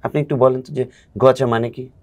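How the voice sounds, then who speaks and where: A man's voice: medium pitch, fairly even intonation, brisk, a little mellow. A man who coaches spoken English, a guest in a casual interview, explaining patiently and acting out examples.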